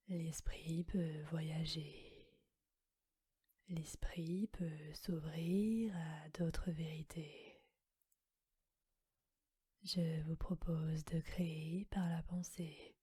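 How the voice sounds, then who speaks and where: A woman whispering a guided relaxation meditation in a soft, calm voice. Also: low voice, husky, no echo, studio quality.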